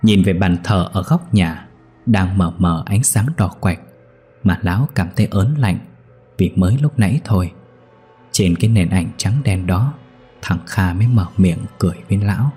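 Husky, dark-voiced man narrating horror. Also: low-pitched, moderate pace, soft background music. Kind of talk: scripted horror story narration.

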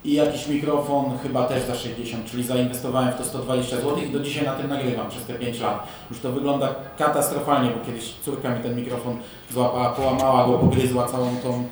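A man's voice: medium pitch, steady tone, fast talker. A man podcaster talking casually in a panel chat, in an easygoing, rambling way. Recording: very echoey room, distant mic, faint hiss.

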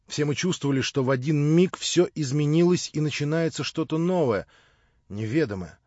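A man narrating a literary audiobook in a calm, measured storytelling voice. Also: lowish voice, no room sound, dull audio.

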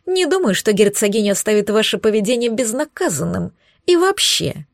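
A woman voicing an arrogant young female countess who talks down to everyone in a shrill, indignant way. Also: sing-song, brisk, vocal fry, no room sound, studio quality. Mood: haughty, indignant. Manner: haughty, indignant, squealing.

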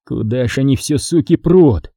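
A man voicing a gruff, wounded older sergeant-major who talks in a hoarse grumble. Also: mid-range voice, moderate pace, warm tone, dry recording, clean studio sound. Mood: grumbling.

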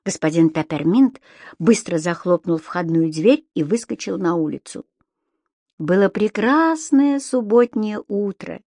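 Expressive woman reading a children's story. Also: mid-range voice, a little slow, dry recording, studio quality. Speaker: audiobook narrator. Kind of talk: scripted storybook narration.

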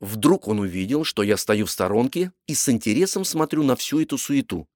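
A man narrating a first-person adventure audiobook in a steady, expressive reading. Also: medium pitch, a little fast, no echo, clean studio sound.

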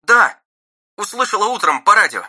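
Guy putting on a fussy high-pitched secretary, sharp bright tone. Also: sing-song, normal speed, husky, no echo, exaggerated voice. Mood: delighted. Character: flustered middle-aged female secretary.

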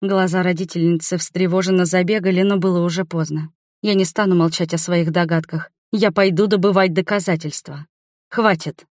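A woman giving an expressive scripted narration of an audiobook. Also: on the low side, a little fast, no echo, studio quality.

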